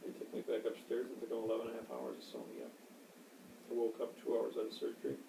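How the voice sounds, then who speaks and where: A man in his sixties with a gravelly voice, rambling and boasting in a casual interview. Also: medium pitch, very animated, quick pace. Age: 60s. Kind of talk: casual chat. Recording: echoey, distant, noisy amateur recording.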